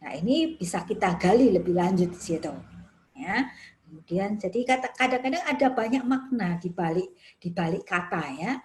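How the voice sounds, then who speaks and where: A woman's voice: mid-range voice, expressive, normal speed. Indonesian woman teaching counseling, "ya" tags. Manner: warm explanatory, frequent "ya" tags. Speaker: counseling trainer.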